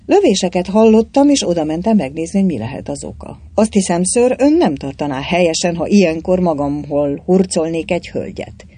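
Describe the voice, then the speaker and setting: A reader voicing a bold, mysterious man who gives brisk orders, in a storybook reading. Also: mid-range voice, animated, warm tone, slightly rough. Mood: commanding.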